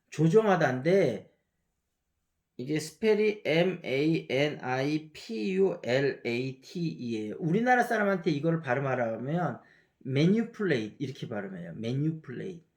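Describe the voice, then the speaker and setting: A man's voice: fairly high pitch, darkish tone, reverberant. A man in his fifties with a slight Gyeongsang Korean lilt, an English teacher chatting through a pronunciation lecture and demonstrating words aloud.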